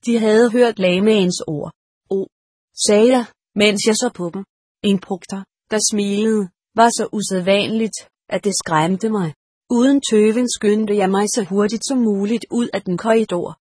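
A woman narrating a first-person audiobook in a steady, measured way. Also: mid-range voice, husky, dry recording, studio quality.

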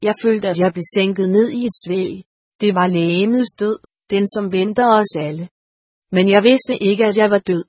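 A woman reading a first-person story aloud in a measured, solemn way. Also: mid-range voice, darkish tone, dry recording, studio quality. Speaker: audiobook reader.

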